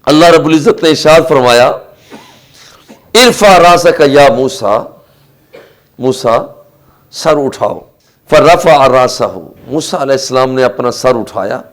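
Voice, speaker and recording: A man with a Pakistani Urdu accent delivering a Friday sermon with impassioned oratory, chanting Arabic quotations slowly. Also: mid-range voice, rough recording. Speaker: preacher.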